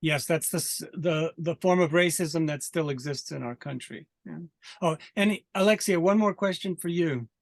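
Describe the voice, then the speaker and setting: A man hosting a film Q&A, asking halting questions and giving frequent affirming hums. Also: on the high side, gravelly, dry recording. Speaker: festival director and interviewer. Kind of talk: Q&A interviewing.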